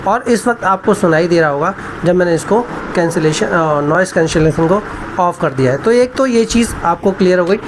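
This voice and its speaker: A man giving a casual product review vlog, explaining step by step in an unhurried way and talking straight to his viewers. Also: sits high, animated, noisy background. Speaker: tech reviewer vlogger. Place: indoor room. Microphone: wireless clip mic into phone.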